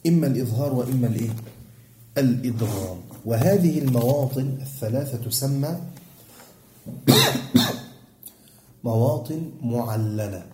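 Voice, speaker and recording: A man with an Egyptian accent teaching Quran recitation rules to a class, quizzing students with fill-in questions and chanting quoted verse lines slowly. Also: mid-range voice, lively intonation, darkish tone, roomy sound, slight background noise. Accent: Egyptian Arabic.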